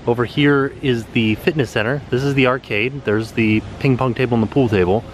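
A man's voice: medium pitch, fairly even intonation, brisk, a little hiss or hum. A man in his thirties casually narrating a walking tour of a hotel, filmed on a handheld camera at arm's length. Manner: casual, upbeat pointing-out of sights. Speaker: vlog host. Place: hotel halls and outdoor pool areas.

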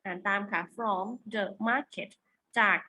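A woman with a Thai accent teaching an English lesson to primary school children, patiently repeating words slowly for them to say back. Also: medium pitch, pushed and bright, a little hiss or hum, rough recording. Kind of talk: online classroom lesson.

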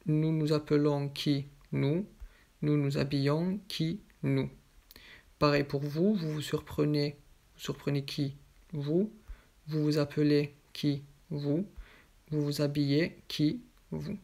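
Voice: mid-range voice, fairly even intonation, slow, gravelly, warm tone. A teacher giving a voice-over grammar lesson, working methodically through each example with a question and its answer. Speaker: French teacher.

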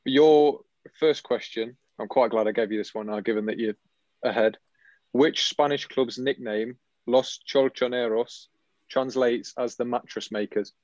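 A man's voice: medium pitch, a little mellow, no echo. British guy running a football quiz, dry teasing, muffled dead call sound. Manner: reads questions briskly, dry teasing. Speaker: quizmaster. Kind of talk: casual quiz hosting.

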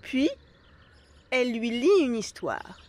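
A woman reads a picture book aloud to children, slow and expressive. Her voice sits high and unhurried, lingering over the repeated lines. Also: no room sound. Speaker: storyteller.

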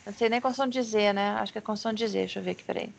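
A woman with a Brazilian Portuguese accent teaching an online English lesson, patiently explaining and modelling pronunciation slowly. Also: mid-range voice, fairly even intonation, vocal fry. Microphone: video call. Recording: video call with faint background noise.

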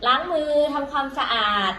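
Woman, teacher, casual chatty lesson, bright voice, echoey room. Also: a little fast, a little hiss or hum. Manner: chatty, addresses viewers as younger siblings; many fillers and self-corrections. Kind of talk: casual vlog-style lesson.

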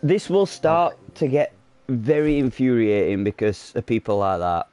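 A young man chatting casually while gaming with a friend, relaxed and amused. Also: mid-range voice, measured pace. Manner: laid-back, laughs at his friend. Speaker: co-player.

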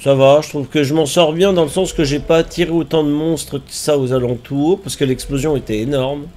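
A man streaming a game, reacting out loud with yelps and groans and talking to the enemies on screen. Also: a little high, steady tone, a little fast. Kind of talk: live gameplay commentary.

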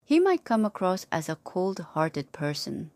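A woman's computer-generated voice, on the low side and at a measured pace, carefully reads repeated sentences as drills for language learning. The reading is even from line to line.

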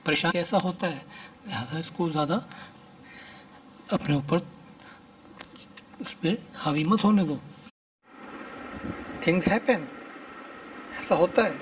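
A man teaching English expressions in a lecture, reading each phrase slowly and then explaining it. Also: on the high side, slightly rough, recorded from a distance.

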